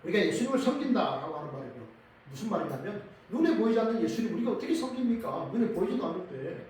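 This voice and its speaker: High-voiced pastor, echoey sanctuary. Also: male voice, very animated, fast, darkish tone, slight background noise. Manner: earnest, addresses the congregation directly. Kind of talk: sermon. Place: church sanctuary. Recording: echoey church from far off.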